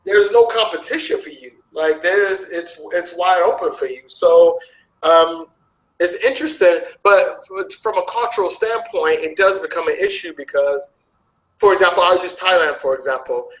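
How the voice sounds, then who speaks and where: A man with an American accent, talking casually as an interview guest, animated and jumping sharply in pitch. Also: moderate pace, reverberant, rough recording. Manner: animated, with big jumps in pitch. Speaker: interview guest, travel vlogger. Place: Asia.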